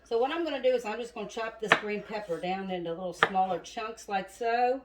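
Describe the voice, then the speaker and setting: A woman's voice: mid-range voice, brisk, noisy background. A woman, chatting to viewers as she demonstrates a recipe in her home kitchen, a bit out of breath. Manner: chatty, talks to viewers as y'all. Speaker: home cooking video host. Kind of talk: casual cooking demonstration. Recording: roomy kitchen with loud clatter. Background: chopping and clattering dishes.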